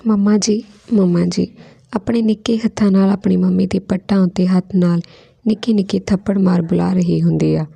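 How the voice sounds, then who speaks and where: A woman narrating an emotional story in a slow, descriptive storytelling way. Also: on the low side, fairly even intonation, creaky, mellow, slightly rough, dry recording.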